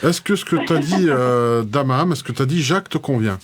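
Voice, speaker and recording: A man with a medium-pitched voice hosts a live call-in in a casual way. His phrasing is chatty and circles back on repeated words. There is faint noise in the background. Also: expressive, normal speed. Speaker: host of a call-in show.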